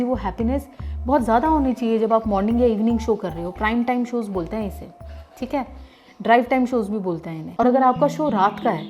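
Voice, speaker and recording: A middle-aged woman radio jockey from Delhi, India, whose first language is Gujarati, explains voice training to listeners in a conversational lesson. Her voice is a little high with a dark tone.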